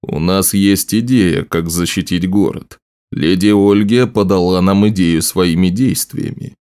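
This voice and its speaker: A man voicing a theatrical, self-assured nobleman in an audiobook, speaking slowly and deliberately. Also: low-pitched, darkish tone, clean tone. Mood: scheming. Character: theatrical scheming male nobleman, showman. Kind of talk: audiobook role reading.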